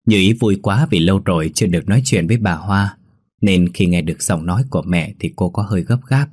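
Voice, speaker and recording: A man narrating a story in a steady, husky voice. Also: deep voice, fairly quick, no room sound, studio quality. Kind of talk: scripted narration.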